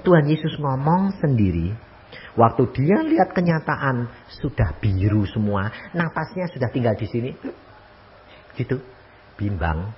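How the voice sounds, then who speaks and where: An older man preaching a sermon, telling stories, jumping from loud high exclamations to low quiet asides. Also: very animated, a little slow, slight background noise. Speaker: pastor. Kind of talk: sermon with storytelling. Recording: muffled lo-fi recording.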